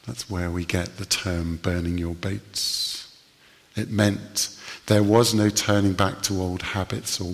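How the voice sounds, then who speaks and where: A man preaching a sermon, telling stories earnestly with slow, emphatic pauses. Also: low voice, long reverb tail.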